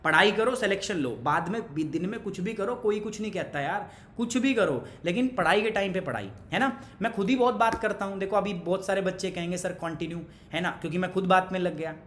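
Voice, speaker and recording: A man's voice: high voice, a little fast, hardly any pauses, fairly bright tone, roomy sound, slight background noise. A young man teaching an online exam-prep class, chatty and pushy, mixing Hindi with English and asking the class questions as he goes. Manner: pushy, motivational asides to students.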